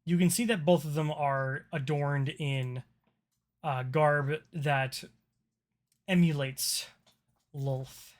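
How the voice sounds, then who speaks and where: Man, game master, tabletop narration, fairly high voice, casual halting delivery. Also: fairly even intonation.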